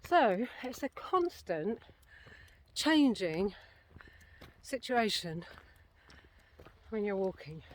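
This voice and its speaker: Chatting into a handheld camera on an outdoor walk, a woman from Britain rambles and corrects herself, slightly out of breath. Her mid-range voice is very animated, with drawn-out words and long pauses.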